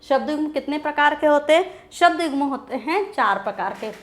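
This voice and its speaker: A woman with a high voice teaches a grammar lesson. She repeats each key term, poses questions and answers them herself, and slows down to stress definitions. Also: animated. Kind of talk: classroom grammar lecture.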